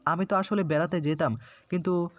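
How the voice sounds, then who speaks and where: A sulky old grandmother complains and pities herself, spoken by a man. The voice sits a little high and the sound is dry and close. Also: steady tone, a little fast, no room sound, muffled recording, lightly acted. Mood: complaining. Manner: complaining, self-pitying.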